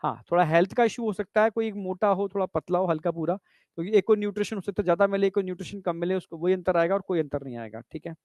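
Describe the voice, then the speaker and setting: Speaking very fast in a high, slightly mellow voice, a man teaches biology in a classroom lecture, walking through steps and frequently checking comprehension. He calls his students "bhai" and "beta," with no room sound.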